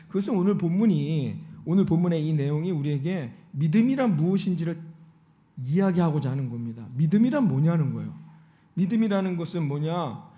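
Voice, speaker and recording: A male pastor preaching a Sunday sermon in a church, often putting rhetorical questions to the congregation. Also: fairly high pitch. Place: church sanctuary. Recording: dull lo-fi sound.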